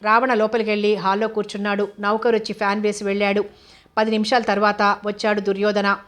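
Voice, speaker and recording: Woman narrating a novel in a flat tone. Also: medium pitch, quick pace. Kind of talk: scripted audiobook narration of a novel.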